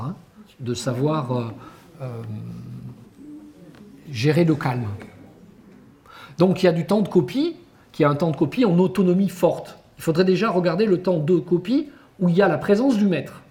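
Addressing a conference audience of teachers, a male education researcher lectures with animated emphasis and poses rhetorical questions. His voice sits a little high.

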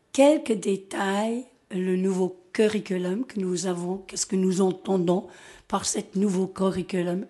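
A woman's voice: mid-range voice, dark tone. A woman from Scotland with a Scottish accent in her French, a native English speaker giving an informal presentation and often searching for words. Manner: halting, searching for words in a second language. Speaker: invited guest speaker.

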